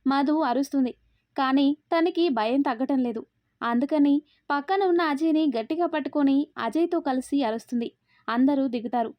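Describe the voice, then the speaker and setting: A woman narrating a story in a steady storybook reading manner. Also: high voice, moderate pace, dry recording. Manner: steady storybook reading, voices every character herself. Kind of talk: scripted narration. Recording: dry, slightly dull recording.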